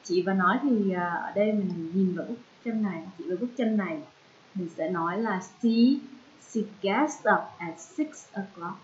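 A woman with a Vietnamese accent teaching an English lesson to children, drilling sounds slowly and switching between English and Vietnamese. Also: medium pitch, highs cut off.

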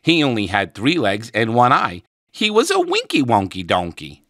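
A man narrating an expressive read-aloud for children as a storybook reader. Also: mid-range voice, moderate pace, no room sound, clean studio sound.

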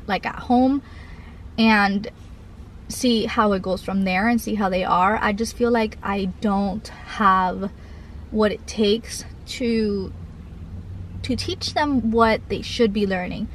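A young mom from a Cuban family records a casual confessional vlog, first in a parked car and then at an outdoor park, on a camera on the dashboard or held close. She rambles, leaning heavily on "like" and "I feel like." Her medium-pitched voice moves slowly, and the rough recording carries a little hiss or hum.

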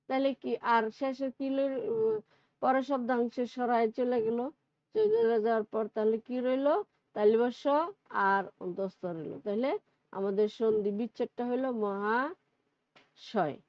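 A woman with a Bangladeshi Bengali accent teaches a grammar lesson at a very slow, patient pace, asking her students questions as she goes. Her voice sits a little high. The recording is dry and close, with a dull, lo-fi sound. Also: dry recording. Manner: patient, explains step by step with questions.

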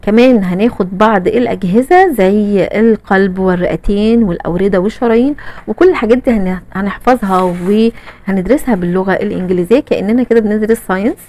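A woman's voice: medium pitch, fast, dark tone, rough recording. A woman teacher with an Egyptian Arabic accent walks through a primary English textbook in a casual, chatty way, saying "okay" often and chanting short rhymes. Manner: chatty, repeats "tamam" and fillers, sing-song rhymes. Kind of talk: casual explanatory lesson.

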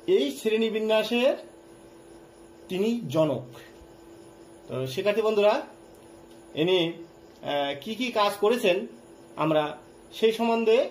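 Male teacher, high voice, quizzes and repeats terms for students, faint hiss behind. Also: darkish tone, poor audio. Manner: repeats key terms, asks and answers his own questions. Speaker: science teacher. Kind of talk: online class lecture.

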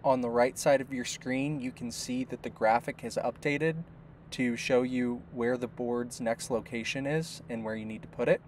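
Male tutorial narrator, middle pitch, plain step-by-step delivery, faint noise under the voice. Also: normal speed. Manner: steady, step-by-step explaining. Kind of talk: instructional voice-over.

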